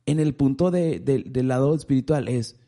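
A man's voice: medium pitch, normal speed. A man hosting a casual faith chat, telling stories and acting out quotes. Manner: animated storyteller, acts out quotes.

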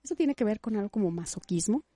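Woman host asking follow-ups, dark warm tone, dry sound. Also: mid-range voice, animated, quick pace, dry recording. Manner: brief backchannels and short follow-up questions. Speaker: radio host. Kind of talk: interviewing a guest.

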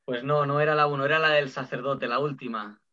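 A man's voice: mid-range voice, fairly even intonation, a little fast, sharp tone. A man co-hosting a casual game segment, playful and teasing with the guest. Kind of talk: casual chat. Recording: dull lo-fi sound.

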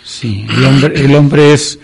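A man hosting a religious talk program, asking questions and summing up points in a measured, thoughtful way with some hesitations. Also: medium pitch, vocal fry, breathy edge.

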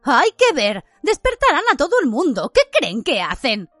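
A woman reading aloud voices a stern, bossy older school nurse who scolds in a high, indignant tone. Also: huge pitch swings, moderate pace, a bit bright, no room sound, soft background music, exaggerated voice. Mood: irritated.

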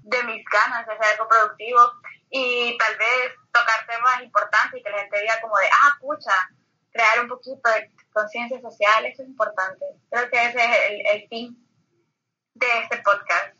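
A woman's voice: on the high side, fairly even intonation, normal speed, pushed and bright. Honduran woman talking through a phone line. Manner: joking, slangy asides. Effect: voice heard over a phone call. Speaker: podcast co-host. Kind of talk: casual chat. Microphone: phone call. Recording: muffled phone call audio.

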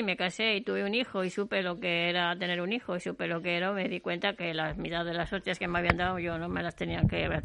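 A woman's voice: medium pitch, vocal fry, fairly bright tone. A woman on a radio chat, candidly recounting her own childhood. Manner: candid personal storytelling.

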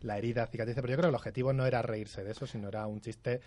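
Quick-witted comedy writer, man. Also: medium pitch, steady tone, a little mellow, dry recording. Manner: quick, joking, assured. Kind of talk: casual studio chat.

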